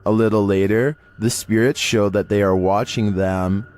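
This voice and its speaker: A low-pitched man narrates a scripted paranormal countdown. His delivery is that of a storyteller presenting eerie cases, with faint noise behind the voice. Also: fairly even intonation, a little slow, a little mellow.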